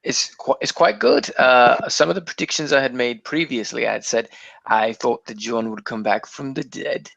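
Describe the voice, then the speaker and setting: A man's voice: medium pitch, moderate pace, gravelly, a bit bright, no room sound. A man co-hosting a casual podcast chat, joking and mocking his co-host. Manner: joking, mocking, slips into silly put-on voices. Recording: dull lo-fi sound, dry.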